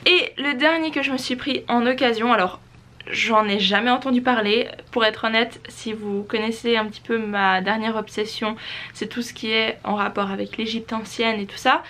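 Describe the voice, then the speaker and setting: A woman's voice: fairly high pitch, steady tone, moderate pace, bright, forceful tone. A young woman talking casually to camera as a book vlogger, chatty and full of little hesitations and self-corrections. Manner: chatty, with frequent "euh" fillers and self-corrections.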